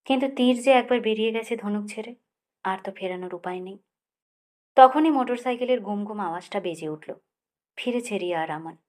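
A woman reading a novel aloud in measured, expressive first-person narration. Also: medium pitch. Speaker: audiobook narrator. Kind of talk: literary audiobook narration.

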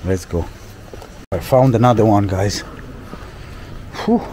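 Slow-talking low-voiced man vlogging outdoors. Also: dark tone, a little hiss or hum. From Romania. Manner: exclaims often, loose fillers, talks to viewers as guys. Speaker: travel vlogger. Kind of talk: casual walking vlog. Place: outdoors in a town street.

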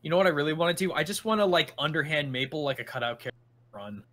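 A man's voice: on the high side, expressive, racing, sharp tone. A man co-hosting a let's play, chiming in with dry, wry remarks in casual gaming commentary.

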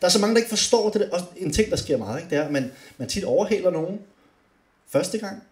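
A young man doing stand-up comedy on a club stage, animated and often shouting his punchlines. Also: sits high. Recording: roomy club with faint noise.

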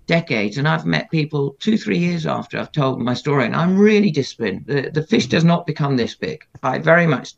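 A man's voice: mid-range voice, creaky. A middle-aged man, a former aircrew guest, recounting his experiences in a blunt, matter-of-fact way and swearing freely. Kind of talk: candid interview recollection. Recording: slightly dull lo-fi audio.

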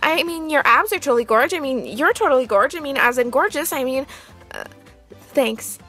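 Casting: woman as lovestruck teen girl doll in a homemade skit, high, flustered, stumbling. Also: lively intonation, moderate pace, bright, forceful tone, faint music behind. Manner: gushing, stumbling, self-correcting. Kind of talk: amateur doll-play skit acting.

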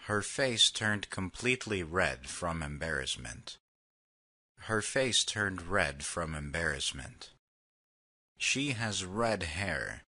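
A man reading vocabulary words and example sentences slowly, with a husky voice. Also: deep voice, expressive, pushed and bright. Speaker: vocabulary lesson reader. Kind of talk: slow read example sentences.

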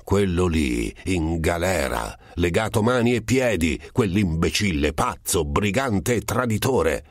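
A man voicing a choleric middle-aged monk who shouts and sputters insults, read as an audiobook character. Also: deep voice, sing-song, measured pace, hardly any pauses, dry recording, studio quality, heavily acted. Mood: scornful ranting.

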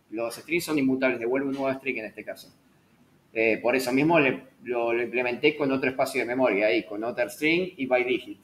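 A man's voice: medium pitch, pushed and bright, slight background noise. A man teaching a live online programming class, chatty and correcting himself with small jokes at his own slips.

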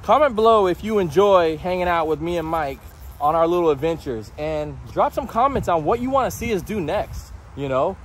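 Outdoors beside a golf course pond, a man co-hosts a fishing vlog, chatting casually to viewers while he films a friend fighting a fish. His voice is high, expressive, and a little fast, with slight background noise in the clip.

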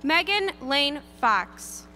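A woman reading graduates' names at an outdoor graduation ceremony, announcing each one deliberately. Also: high-pitched, very animated. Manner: deliberate, lilting name announcing. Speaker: graduation name reader. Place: outdoor stadium ceremony over PA.

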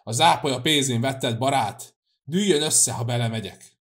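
A man voicing an angry, proud old nobleman who shouts and snaps in an audiobook. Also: medium pitch, close to an everyday voice. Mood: furious. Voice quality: shouting, bristling. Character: furious old nobleman, one-handed, proud.

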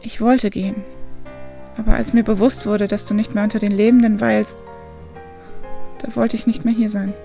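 Lady doing soft sad ghost boy, quiet, sorry for everything, little gravelly. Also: mid-range voice, level tone, normal speed, pauses often, soft background music, lightly acted. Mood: quiet remorse. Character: sad young male ghost, gentle and resigned.

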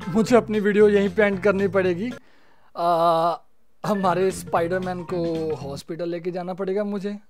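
A man's voice: high voice, fairly even intonation, normal speed, darkish tone, soft background music. A man giving comic, playful commentary while playing a game, bantering with the characters on screen. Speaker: gaming YouTuber.

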